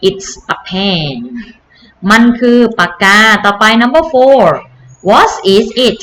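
A woman's voice: medium pitch, animated, very slow, a bit bright. A woman teacher giving an online English lesson to children, explaining patiently and repeating key phrases. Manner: patient, repetitive explaining with polite particles.

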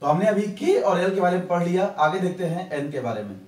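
A man teaching English pronunciation in Hindi, repeating each rule slowly and answering his own questions. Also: high voice, sing-song, a little mellow. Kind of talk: Hindi grammar lesson. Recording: echoey room, distant mic.

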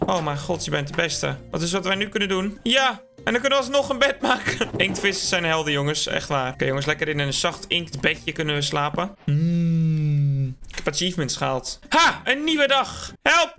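A man in the middle of a let's play, cracking jokes at his own expense and bursting into sudden yelps. His voice sits a little high and sounds bright and forceful, with faint music underneath. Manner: excitable, joking, self-mocking, sudden yelps. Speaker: gaming YouTuber.

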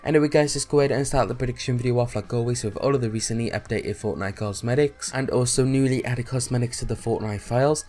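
Young guy with a sick hoarse voice, upbeat gaming host, medium pitch, keeps saying anyway guys. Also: fast talker, hardly any pauses, a little mellow. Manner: upbeat, repetitive catchphrases. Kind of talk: casual video commentary.

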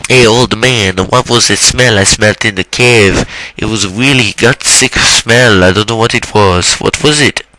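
Man as a blunt, low-voiced cartoon plumber, fan dub. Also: moderate pace, few pauses, pushed and bright, no echo, faint music behind, poor audio. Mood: curious. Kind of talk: amateur comedy dub.

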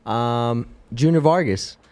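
A man's voice: mid-range voice, slow pace, background noise. A man hosting a casual podcast, laid-back and hyping, with lots of fillers. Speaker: podcast host. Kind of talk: casual chat.

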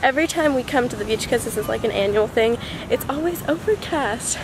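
A woman's voice: on the high side, animated, a little fast, background noise. A teenage girl chatting casually in a travel vlog, upbeat and full of "super" and "so cute", filmed on a camera held at arm's length. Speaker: vlogger. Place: beach house kitchen, indoors. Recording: pop music playing under the voice.

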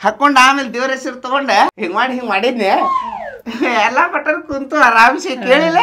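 A man's voice: very high-pitched, fairly quick, pushed and bright, a little hiss or hum. A man with a North Karnataka accent, playing a cheeky nephew who answers back in a comedy sketch. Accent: North Karnataka Kannada.

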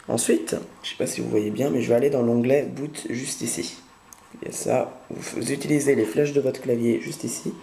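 A man hosting a casual tech tutorial, giving patient step-by-step instructions and often pausing to show what happens. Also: medium pitch, vocal fry, dark tone, slight background noise. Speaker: tutorial host.

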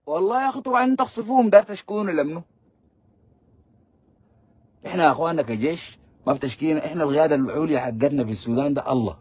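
Man, Sudanese Arabic accent, heated commentary, high husky voice, rapid delivery. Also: animated, darkish tone, no room sound. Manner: heated, emphatic, rhetorical questions and repeated phrases. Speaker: political commentator. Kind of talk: impassioned monologue.

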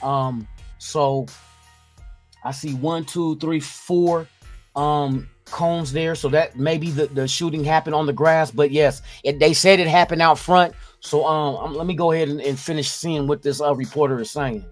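Higher-pitched man hosting a casual reaction podcast. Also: fairly even intonation, unhurried. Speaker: podcast host. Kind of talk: casual reaction commentary to camera. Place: indoor home studio. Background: music.

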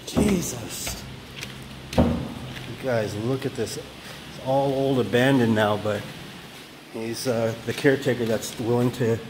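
A man filming a walking tour vlog on a phone outdoors, excited and exclaiming often. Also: mid-range voice, slow pace, long pauses, very noisy. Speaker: travel vlogger. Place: outdoors at ruins by a waterfall.

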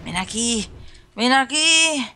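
A woman with a Spain Spanish accent playing along in casual gaming banter, animated, with frustrated, sweary outbursts. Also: fairly high pitch, slow. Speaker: co-player.

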